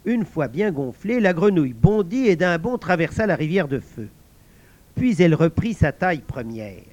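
A man's voice: a little high, very animated, moderate pace, darkish tone, dry recording. A man reading a fairy tale aloud, speaking directly to a child listener. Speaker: storyteller. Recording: dull lo-fi dry recording.

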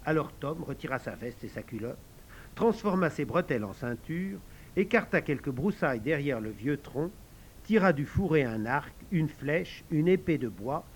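A man narrating an audiobook with expressive storytelling. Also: a little high, normal speed, slight background noise.

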